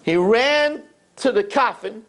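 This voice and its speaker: Gravelly, animated older male rabbi. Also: very high voice, takes it slowly. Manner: animated storyteller who acts out voices. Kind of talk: sermon.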